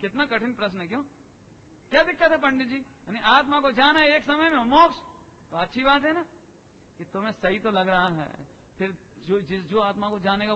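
A man preaching a sermon to an assembly, lively and full of rhetorical questions to his listeners. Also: very high-pitched. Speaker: Jain preacher. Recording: echoey hall, dull lo-fi sound.

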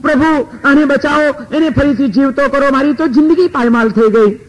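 A man's voice: extremely high pitch, moderate pace, pitched above the performer's own voice, low-quality recording. A man voicing a distraught young wife pleading.

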